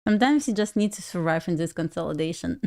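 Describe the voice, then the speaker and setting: A fast talker with a lowish, expressive, slightly mellow voice and noticeable vocal fry, she is a young woman from Belarus with a Russian accent and Russian as her first language. She chats casually, laughs often and talks to herself while day trading on a live stream.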